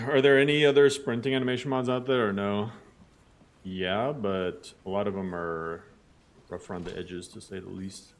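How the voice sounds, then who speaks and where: A man's voice: on the low side, fairly even intonation, moderate pace. A man from Bosnia chatting casually while streaming a game, playful and jokey, often mangling words on purpose for laughs. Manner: playful, jokey, mock mispronunciations. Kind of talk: casual gaming stream chat.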